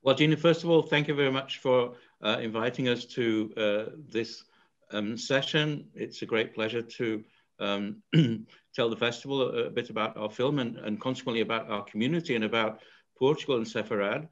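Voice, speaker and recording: An older man from England, a guest on a video call, speaking politely and in a measured way, now and then clearing his throat. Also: medium pitch. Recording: dull video call audio.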